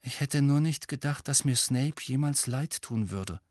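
A man reading an audiobook, voicing a defensive, uneasy fifteen-year-old boy who is quick to protest. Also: mid-range voice, a little mellow, no echo, studio quality, lightly acted.

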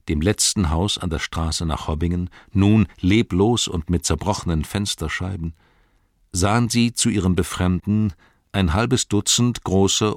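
Low-voiced male audiobook narrator. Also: no room sound, clean studio sound.

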